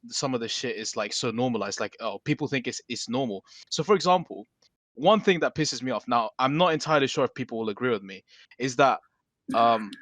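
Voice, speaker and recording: A man hosting a casual podcast chat, talking in an animated way with frequent swearing and restarts. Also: medium pitch, no echo.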